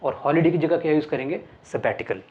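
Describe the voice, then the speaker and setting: A man's voice: on the high side, fast talker. A man teaching English words in Hindi with memory tricks, asking questions and answering them himself. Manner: explains step by step, asks and answers his own questions. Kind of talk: Hindi lesson explaining mnemonics. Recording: dull lo-fi sound.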